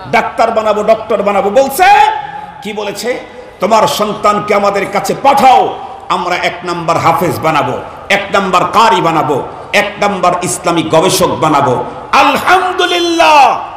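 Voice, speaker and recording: A man from Bangladesh preaching a fiery sermon, firing questions at the crowd and bursting into shouts. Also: sits high, echoey room, slight background noise.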